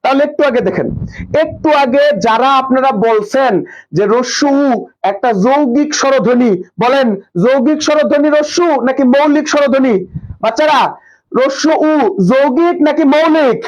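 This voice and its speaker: A man's voice: very high-pitched, normal speed. A young man teaching a live online class, drilling students with questions and repeating answers. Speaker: online tutor. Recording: dull lo-fi live stream audio.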